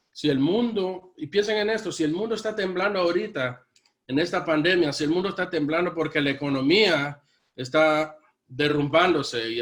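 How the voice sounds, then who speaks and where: Man, pastor preaching, earnest, repeated appeals to the congregation, fairly high voice. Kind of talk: sermon. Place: church.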